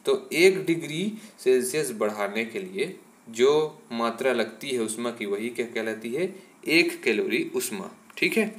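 A man's voice: mid-range voice, lively intonation, unhurried. A male teacher giving an exam-prep lesson, explaining step by step, often checking in with "ठीक है" and asking rhetorical questions.

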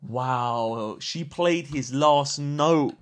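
A man's voice: mid-range voice, very slow, a crowd in the background. A man, hosting a movie reaction, exclaiming and laughing often. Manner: excitable, exclaims a lot. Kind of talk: casual reaction chat.

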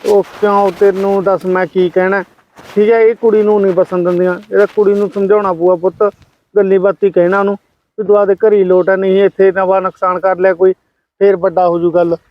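A man playing an older village grandfather, quick and high-voiced. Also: flat delivery, dry recording, muffled recording, close to an everyday voice. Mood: calming, weary. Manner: soothing, repeatedly brushing off quarrels. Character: older rural grandfather, patient peacemaking head of family. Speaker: actor in a family skit. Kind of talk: home-made family drama skit.

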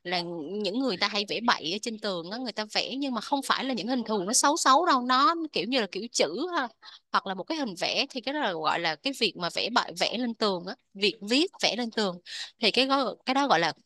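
A woman with a Vietnamese accent teaching English vocabulary, repeating each word slowly before explaining it. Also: mid-range voice, animated, sharp tone, no room sound. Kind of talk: vocabulary lesson.

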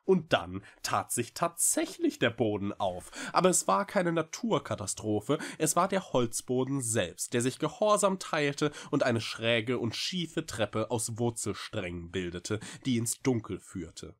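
A man reading a novel aloud in an expressive, theatrical narrating style. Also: medium pitch, measured pace, hardly any pauses. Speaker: storybook reader.

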